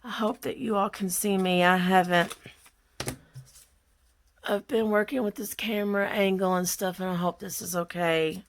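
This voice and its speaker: A woman's voice: mid-range voice, fairly even intonation, normal speed. A woman from Kentucky with a Southern accent, chatting casually and rambling folksily as she walks through a craft project at her home work table. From Kentucky, USA. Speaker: craft vlogger. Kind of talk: casual crafting tutorial chat.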